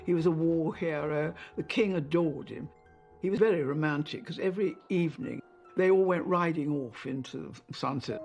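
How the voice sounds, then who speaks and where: An older woman in an interview, reminiscing in a chatty, anecdotal way with halting asides. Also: low voice, gravelly, a little mellow, soft background music. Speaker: interviewee, royal insider.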